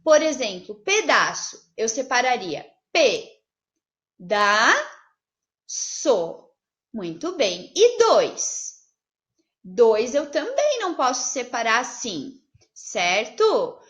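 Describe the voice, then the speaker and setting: Lively high-voiced teacher woman. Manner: slow, sing-song teacherly phrasing, spelling out syllables. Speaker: primary school teacher. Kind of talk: remote class lesson.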